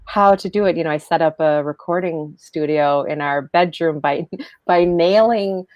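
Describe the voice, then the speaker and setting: A middle-aged woman chatting casually as an author guest, animated and emphatic in a conversational way. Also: sits low, normal speed, no echo, muffled recording. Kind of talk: casual chat.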